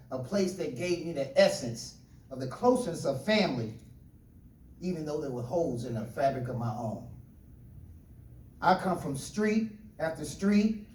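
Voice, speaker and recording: A man's voice: fairly high pitch, darkish tone. A middle-aged man from Ohio delivering a spoken word speech with a repeating, rhythmic refrain. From Ohio, USA. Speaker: speaker. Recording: echoey room, voice from far off.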